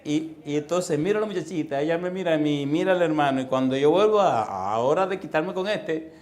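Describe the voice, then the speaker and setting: Animated storytelling pastor, higher-voiced man. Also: fairly quick, roomy sound. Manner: animated, acts out voices and sounds, rising to forceful emphasis. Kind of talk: storytelling sermon.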